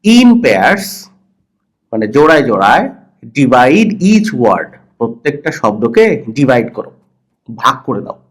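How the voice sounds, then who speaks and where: A Bangladeshi man teaching English to children with a cold, repeating words slowly and saying the first syllable loudly and the rest softly. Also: medium pitch. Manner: playful teasing of pupils. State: has a cold. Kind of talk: slow explanatory lesson for children.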